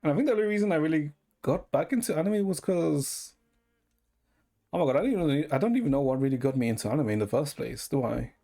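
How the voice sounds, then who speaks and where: With a fairly high, warm voice touched by vocal fry, an Ecuadorian man talks quickly to his stream audience. His chat is loose and rambling, full of swearing, over background music.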